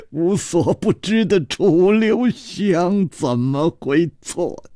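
A man voicing a frenzied, bitter young swordsman who laughs and shouts hoarsely. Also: sits high, animated, very slow, no room sound, studio quality, voice pushed up, full character voice. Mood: hoarse rage.

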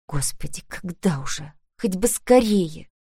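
A woman's voice: medium pitch, moderate pace, a little mellow, dry recording, studio quality, natural voice. A woman voicing an older teenage girl from a labor camp, bitter and snapping, in an audiobook. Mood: mournful.

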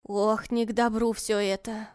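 A woman voicing a worried older village mother who speaks in a quiet, anxious way. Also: fairly high pitch, little pitch movement, unhurried, clear, resonant tone, dry recording, studio quality, lightly acted.

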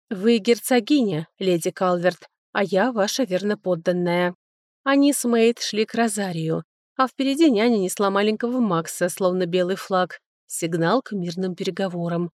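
A woman's voice: medium pitch, no echo. Woman narrating an audiobook, dry sound. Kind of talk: scripted narration.

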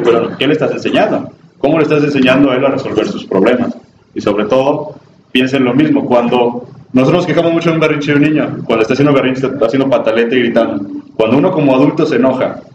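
A Mexican-accented man gives a conversational talk to an audience, often turning to the listeners with questions. He is picked up from some way off in an echoey room. The sound is dull and muffled, with steady noise underneath. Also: mid-range voice. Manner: chatty, asks the audience questions, acts out quoted people. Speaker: psychologist giving a talk. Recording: distant, dull, noisy, roomy recording.

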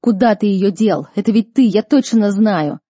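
A woman acts out an enraged young man in an audiobook, his voice pushed higher and louder as he hurls accusations. The tone stays dark and the sound dry and close. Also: normal speed, no room sound. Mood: furious. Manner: shouting, accusing. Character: furious young man, magic raging.

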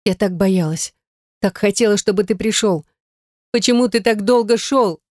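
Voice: mid-range voice, moderate pace, darkish tone, no room sound, clean studio sound, pitched above the performer's own voice, natural voice. A reader voicing a frightened young wife who whimpers and stammers through sobs.

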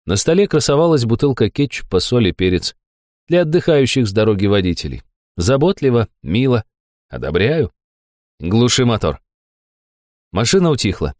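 A man narrating a first-person audiobook with wry, deadpan asides. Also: on the low side, no echo, studio quality.

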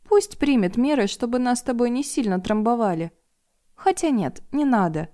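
A woman's voice: fairly high pitch, lively intonation, moderate pace, dark tone, pitched above the performer's own voice, lightly acted. A woman voicing a curious, fussy female companion with pert, needling remarks.

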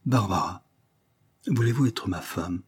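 A man reading a calm, tender lawyer. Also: on the low side, normal speed, husky. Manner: calm and soft-spoken. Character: calm, tender male lawyer, gently courting. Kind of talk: audiobook character reading.

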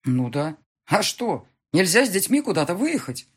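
A cold, irritated husband on the phone, as a woman narrator puts him on for an audiobook. He talks curtly and dismissively, in a husky voice that swings widely in pitch. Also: very animated, moderate pace, exaggerated voice. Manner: curt, dismissive, flares into anger. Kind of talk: audiobook character voice.

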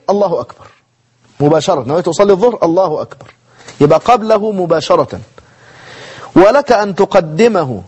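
A man's voice: high voice, a little mellow, slightly rough. A man with an Egyptian accent teaching a televised religious lesson, mixing classical and colloquial Arabic and asking and answering his own questions. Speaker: teacher of Islamic jurisprudence. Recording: broadcast studio recording.

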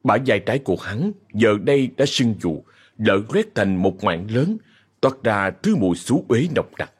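A man narrating a scripted horror story in slow, ominous storytelling. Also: on the low side, husky. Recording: narration over faint music.

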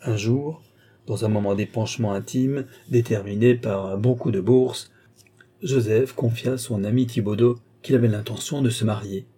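A man giving a measured, even literary audiobook narration. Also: lowish voice, breathy edge. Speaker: audiobook reader.

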